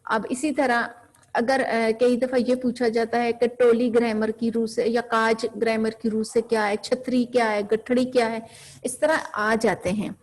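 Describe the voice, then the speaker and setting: A woman teaches a school grammar lesson in a fairly high voice. She asks a question, then answers it herself, and keeps going through lists of examples. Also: level tone.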